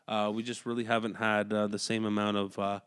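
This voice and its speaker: With a lowish, smooth, slightly bright voice that barely moves in pitch, a man co-hosts a casual hockey podcast at home. He lists player stats quickly and frequently laughs.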